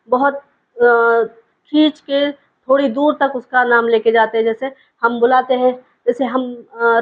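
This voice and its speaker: A woman's voice: high voice, narrow, tinny audio. A woman teaching a grammar lesson, asking questions and answering them herself, repeating key points, and stretching vowel sounds to show them. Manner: drags out vowel sounds to demonstrate.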